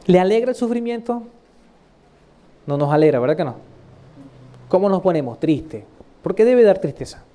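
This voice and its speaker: A man's voice: normal speed, long pauses. A man preaching a sermon, asking his listeners rhetorical questions and repeating phrases for emphasis. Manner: lively pitch swings, repeating phrases for emphasis.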